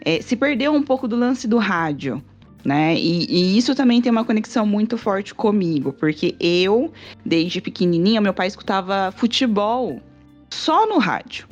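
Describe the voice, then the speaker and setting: A woman, a psychologist guest on a podcast, telling stories in an animated way, acting out quoted dialogue and laughing easily. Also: medium pitch, dull audio. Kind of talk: casual podcast conversation.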